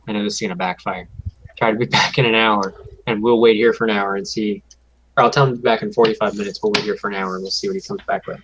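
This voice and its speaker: A man's voice: lowish voice, fairly even intonation, quick pace, a bit bright, a little hiss or hum, rough recording. A man playing a tabletop game, thinking aloud and joking with the table. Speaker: player. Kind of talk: casual tabletop game chat.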